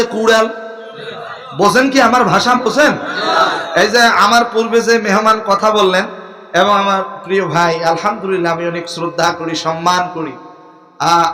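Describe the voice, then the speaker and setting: A man from Bangladesh, preaching a sermon at an outdoor gathering under a large tent. He swings from quiet coaxing to shouted calls for the crowd to respond. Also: high-pitched, echoey room, long reverb tail. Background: crowd of listeners.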